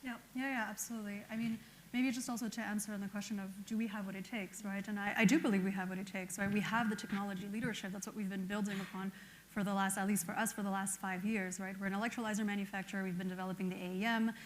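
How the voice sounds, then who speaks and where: An earnest woman speaking on a conference panel for an electrolyzer maker. She talks at a middle pitch and keeps checking in with "right?". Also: flat delivery, fast, slight background noise. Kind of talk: panel discussion.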